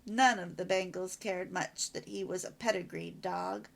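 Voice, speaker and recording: A woman reading an old children's storybook aloud in an expressive, warm way. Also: lowish voice, unhurried, gravelly. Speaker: storybook reader.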